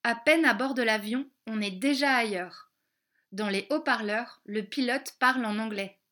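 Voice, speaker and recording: A woman reading a children's storybook aloud, slowly and carefully spelling out each word, with little English lessons woven in. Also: fairly high pitch, a bit bright. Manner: slow, careful, clearly spelled-out words. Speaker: audiobook reader.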